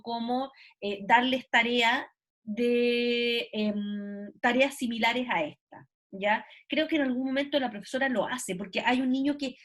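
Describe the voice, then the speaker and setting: A woman lecturing an online class, explaining with many fillers and tag questions. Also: high-pitched. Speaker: university lecturer. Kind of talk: online class commentary on a video.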